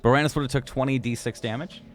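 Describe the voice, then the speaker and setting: A man's voice: mid-range voice, steady tone, fast, slight background noise. A man improvising narration and rulings as game master at a tabletop game.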